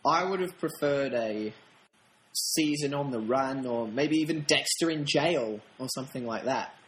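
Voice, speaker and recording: A man's voice: medium pitch, a little slow, fairly bright tone. A man co-hosting a podcast, chatting casually about a TV show in a wry, rambling way with frequent laughs. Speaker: podcast co-host. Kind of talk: casual review chat. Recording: roomy echo, faint noise.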